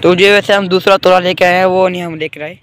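A man's voice: sits high, steady tone, fast, a bit bright. A man from Pakistan with a Punjabi accent, chatting casually as he vlogs his farm work outdoors, rambling and repeating filler words. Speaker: vlogger. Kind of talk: casual farm vlog narration. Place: outdoors on a farm and road, windy. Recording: noisy outdoor phone recording.

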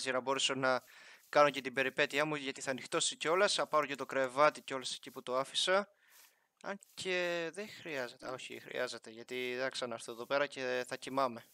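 A man's voice: medium pitch, sharp tone, smooth, no room sound. A young man casually commentating his Minecraft playthrough, chatting and joking with the villagers and animals in the game. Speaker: gaming YouTuber.

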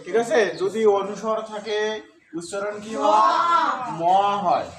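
A man's voice: high voice, a little slow, roomy sound, over a noisy crowd, low-quality recording. A man teaching a pronunciation lesson, patiently asking questions, answering them himself and counting syllables aloud. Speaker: Sanskrit recitation teacher.

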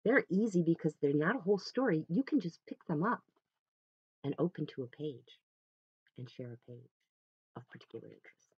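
A woman's voice: low voice, expressive, brisk, long pauses, breathy edge, no room sound. A woman librarian leading a family storytime, speaking in a friendly, encouraging way to parents and children. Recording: dull lo-fi sound, dry.

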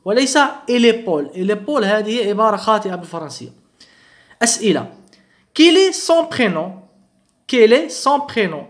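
Man, teacher, high voice, slow lines, quick explanations. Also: animated. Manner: reads French lines slowly, explains quickly in Arabic. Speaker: French teacher. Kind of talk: bilingual language lesson.

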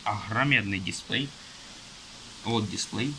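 A man's voice: on the low side, pushed and bright, a little hiss or hum, poor audio. Casual young man flipping through a magazine. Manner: casual, halting, listing items with fillers. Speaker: magazine reviewer. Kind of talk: casual page-flipping review. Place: indoors at a table, rain outside. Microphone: phone camera filming from above. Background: rain.

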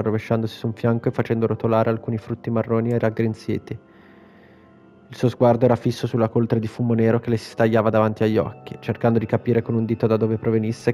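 A man with an Italian accent reading a video game's story aloud in a steady, unhurried way, with brief casual asides. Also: mid-range voice. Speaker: gamer reading game text.

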